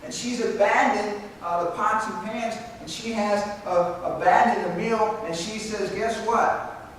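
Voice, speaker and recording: A man's voice: high voice, fairly even intonation, unhurried, a little hiss or hum. A man preaching a sermon as pastor in a church, talking in a conversational way with fillers and restarts. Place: church sanctuary. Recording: echoey church hall from far off.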